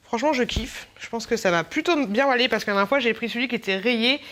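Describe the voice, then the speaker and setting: Young woman, high voice, chatty rambling haul vlog, laughing, casual. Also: fast talker, a bit bright. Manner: chatty and rambling, often laughing, talks to her baby between items. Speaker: mom vlogger showing a clothing haul.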